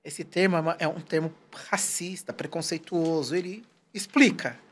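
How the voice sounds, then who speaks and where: A man's voice: fairly high pitch, moderate pace. A man in his forties, a guest in a casual interview, telling stories and quoting people in short put-on voices. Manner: animated, storytelling, quotes people in put-on voices.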